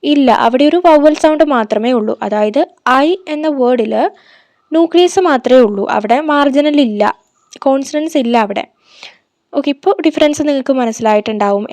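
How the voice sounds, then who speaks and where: Female teacher, fairly high voice, patient step-by-step explainer for a phonetics lesson. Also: a little mellow. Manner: explains step by step, mixing in English terms, syllables spelled out slowly. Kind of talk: recorded phonetics lecture.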